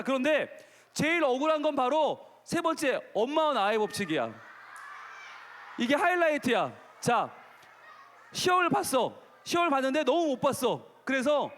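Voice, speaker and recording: A man's voice: very high-pitched, fairly bright tone, a little hiss or hum. A man preaching a playful children's sermon who keeps asking the kids questions. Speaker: pastor. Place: large gymnasium. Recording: long reverb of a gymnasium hall.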